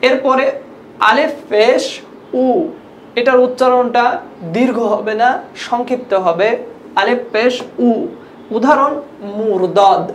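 A woman's voice: on the high side, a little slow, long pauses. A woman teaching a language lesson to viewers, explaining sounds patiently and repeating examples step by step. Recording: echoey room with faint ambient noise.

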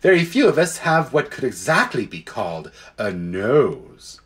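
A man's voice: mid-range voice, sing-song, measured pace, a bit bright. A man voicing a thoughtful she-elephant in a read-aloud storybook, musing and reasonable. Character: gentle, thoughtful she-elephant, proud of her trunk.

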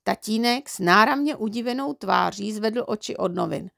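Žena s chraplavým hlasem čte dětskou knihu. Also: female voice, mid-range voice, creaky, no room sound, clean studio sound. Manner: lively storytelling. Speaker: audiobook reader. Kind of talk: reading a children's book aloud.

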